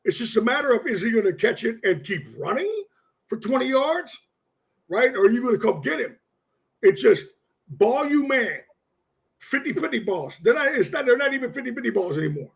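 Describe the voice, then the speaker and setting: A man co-hosting a football talk show, excitable and profane, often repeating himself as he makes his points. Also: very high-pitched, brisk, gravelly. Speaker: sports show co-host.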